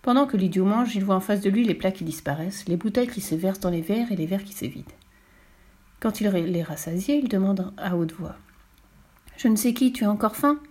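Woman storyteller, medium pitch, expressive fairy-tale read-aloud. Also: brisk, slightly rough.

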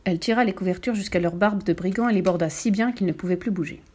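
Warm-voiced woman reading a storybook. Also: mid-range voice, breathy edge. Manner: calm, measured narration. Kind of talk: reading a children's book aloud.

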